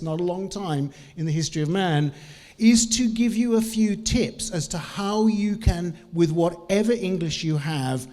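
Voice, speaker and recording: High-voiced New Zealand man in a hall. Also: mellow. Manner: chatty, quizzes the audience, light jokes. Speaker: conference speaker. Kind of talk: live conference talk to an audience. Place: large conference hall with audience. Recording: long hall reverb.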